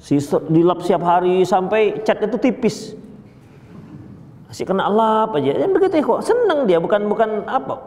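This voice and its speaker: A man preaching a sermon to a group of brothers, lively and joking as he explains a verse. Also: high-pitched. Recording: echoey hall.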